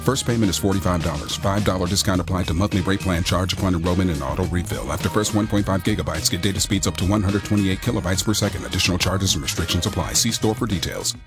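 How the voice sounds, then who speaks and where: A man races through advertising fine print in a super fast read. His voice is low and the delivery is clipped, with clear music underneath. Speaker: advertisement announcer.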